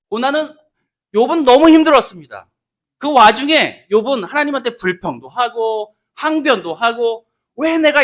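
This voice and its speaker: A man's voice: high voice, fairly bright tone. A man preaching a Sunday sermon in a church, asking the congregation questions and acting out quoted speech. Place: church sanctuary.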